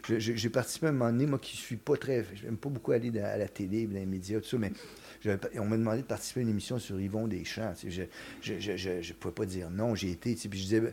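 Older man explaining at a fast clip. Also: lowish voice, fairly even intonation, mellow, slight background noise. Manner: explanatory, many restarts and "tu comprends". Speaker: guest. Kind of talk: casual conversation.

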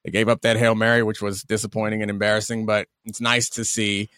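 A man's voice: fairly low pitch, flat delivery, quick pace, a bit bright, smooth, no echo. A man co-hosting a sports podcast with wry, conversational casual commentary.

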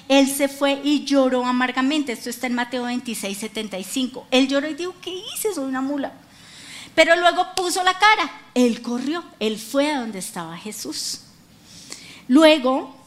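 A middle-aged woman preaching a lively sermon, acting out quoted voices and prompting the audience to repeat after her. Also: high voice.

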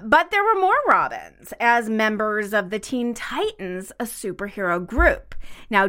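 A woman's voice: medium pitch, bright, forceful tone. A woman in her sixties co-hosting a casual podcast chat, enthusiastic and laughing often. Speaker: podcast co-host.

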